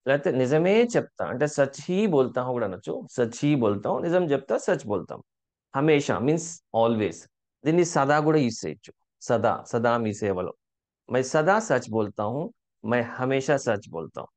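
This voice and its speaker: A man teaching a language lesson, asking learners questions and saying phrases slowly for them to repeat. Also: mid-range voice, big pitch swings, darkish tone. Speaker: spoken Hindi teacher. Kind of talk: language lesson, drilling example sentences.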